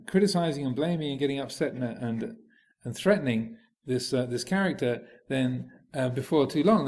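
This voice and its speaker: Calm male monk giving a Buddhist teaching. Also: mid-range voice. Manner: unhurried, hesitant, many fillers and restarts while storytelling. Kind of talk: reflective Buddhist teaching narration.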